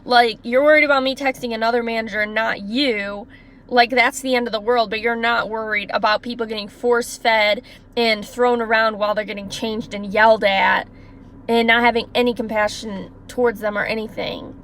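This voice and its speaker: Young woman, fairly high voice, passionate story-time vlogger, indignant and talkative. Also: fairly even intonation, normal speed, a bit bright. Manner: acts out her boss and others in quoted voices.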